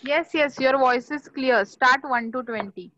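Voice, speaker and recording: A woman's voice: high voice, very slow, sharp tone, lo-fi sound. A woman teaches a Sanskrit class over a video call, encouraging and mixing Hindi with English.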